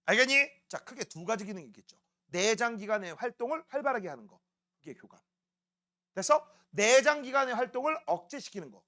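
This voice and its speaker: Lively joking Korean science teacher. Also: male voice, very high voice, brisk. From South Korea. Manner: joking, teasing students, asks constant check questions. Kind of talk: classroom science lecture.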